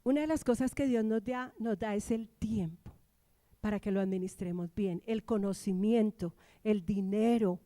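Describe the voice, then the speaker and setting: A woman's voice: mid-range voice, moderate pace, warm tone, no echo. A woman pastor from Colombia preaching an emphatic sermon in church, prompting the congregation to repeat after her.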